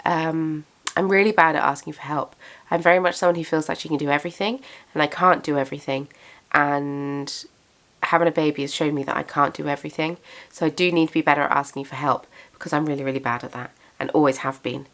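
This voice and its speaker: Speaking quickly in a low, steady, fairly bright voice, this young craft business owner and vlogger chats to camera about her business and what she has planned. Her tone is self-deprecating, and a cold leaves her slightly congested.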